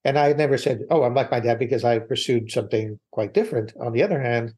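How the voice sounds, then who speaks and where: A man's voice: mid-range voice, quick pace, a little mellow, husky. A man as an interview guest, speaking earnestly and reflectively in long, winding answers with restarts. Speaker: business consultant guest. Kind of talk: interview conversation.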